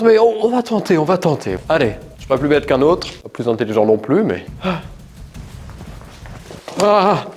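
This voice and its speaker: Young man, comedic vlog host, theatrical and mock-pompous, very animated pitch. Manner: mock-pompous, theatrical old-fashioned French. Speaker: YouTuber host. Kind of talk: comedic vlog narration in costume. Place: castle grounds and rooms.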